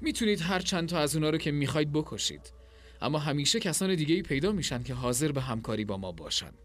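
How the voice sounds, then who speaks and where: Casting: man voicing a small, hot-tempered Roman commander, shouting and scornful, storybook reading. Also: on the high side, very animated, soft background music. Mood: furious. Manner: shouting, contemptuous. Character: short angry male Roman commander.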